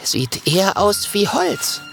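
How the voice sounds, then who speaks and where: A man puts on an eager little dragon boy, lifting his voice well above his own and letting it leap around. The dragon sounds chirpy and keen, a lively storybook character. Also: sits high, takes it slowly, gravelly, faint music behind, voice pushed up, heavily acted. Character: excited young male little dragon. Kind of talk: storybook reading.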